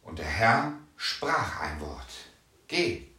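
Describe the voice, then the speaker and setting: A man preaching a sermon with emphasis, repeating key phrases slowly and forcefully. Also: on the high side, animated. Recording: echoey room, mic at a distance.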